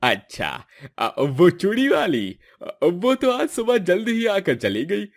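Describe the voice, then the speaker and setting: A man voicing a kindly elderly male temple priest in a cartoon, speaking gently and in a fatherly way. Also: high-pitched, wildly swooping pitch, slow, vocal fry, heavily acted. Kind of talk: Hindi cartoon voice acting.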